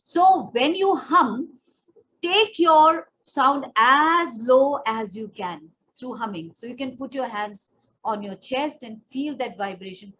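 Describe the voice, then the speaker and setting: Her voice sits high and a bit bright, with lively intonation and a slow delivery. She's an Indian-accented pageant and personal development coach giving a voice training lesson, explaining and demonstrating each step for the learner she addresses directly. The sound is dull and lo-fi, with faint background noise.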